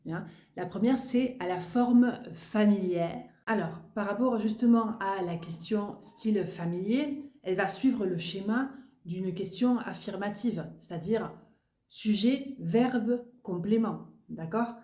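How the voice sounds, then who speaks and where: A woman teaches French grammar in a lesson that switches between French and Spanish, explaining patiently and repeating example questions with rising intonation. Her voice is mid-range, slow and mellow, recorded in an echoey room.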